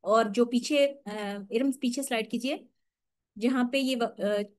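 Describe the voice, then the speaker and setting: A woman gives an online tajweed lesson, likely over a video call. She explains each rule patiently, step by step, and slows right down to model drawn-out recitation. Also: on the high side, a little mellow. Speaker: Quran recitation teacher.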